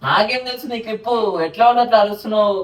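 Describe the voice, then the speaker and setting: A woman's voice: fairly high pitch, fairly even intonation, racing. A woman, anxiously and repeatedly questioning someone at home at night. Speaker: vlogger in a prank video. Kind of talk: casual argument at home. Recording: roomy, distant mic with faint noise.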